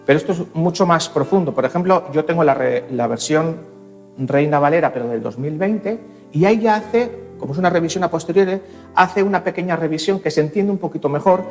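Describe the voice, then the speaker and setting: A male pastor preaching a sermon in a church, animated and acting out scenes with shifts in voice. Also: a little high, fairly quick, faint music behind.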